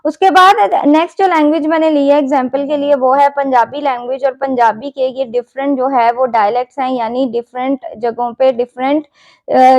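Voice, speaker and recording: In a recorded lecture, an English instructor with a Pakistani Urdu accent explains concepts, blending English terms and asking rhetorical questions. She speaks with a high voice and a darkish tone.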